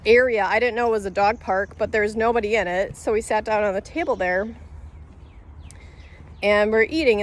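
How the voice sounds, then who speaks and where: A woman telling a story to camera in a casual, rambling way, full of fillers and restarts, laughing as she goes. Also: medium pitch. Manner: rambling, many fillers and self-corrections; laughs through her telling. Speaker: vlogger.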